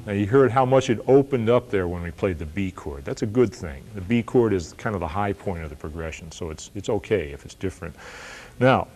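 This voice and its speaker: Low-voiced man teaching blues guitar. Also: brisk. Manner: relaxed, explains while playing and counting. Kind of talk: instructional demonstration. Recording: loud guitar playing behind the voice. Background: loud acoustic guitar playing.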